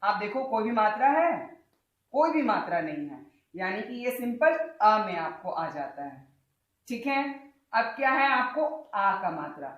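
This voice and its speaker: A woman teaching children, sounding out words slowly and syllable by syllable. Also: medium pitch, big pitch swings, echoey room, highs cut off. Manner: drawn-out, syllable-by-syllable word demonstrations. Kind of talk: Hindi lesson for children.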